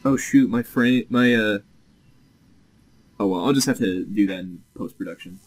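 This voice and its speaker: A young man giving casual, excitable gameplay commentary as a let's play host. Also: fairly low pitch. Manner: excitable, quick reactions.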